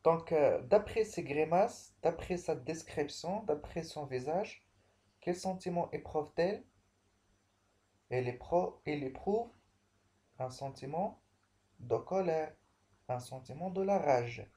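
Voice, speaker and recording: A man teaching a remote language lesson, explaining slowly and repeating himself, with frequent restarts. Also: a little high, animated, warm tone. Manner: slow, repetitive explaining with many restarts. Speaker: French teacher.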